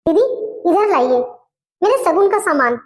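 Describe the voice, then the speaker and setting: A woman's voice: very high voice, lively intonation, moderate pace. A woman playing a defiant young wife. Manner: firm, indignant, scolding. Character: outspoken young wife standing up to in-laws. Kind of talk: comedy skit acting.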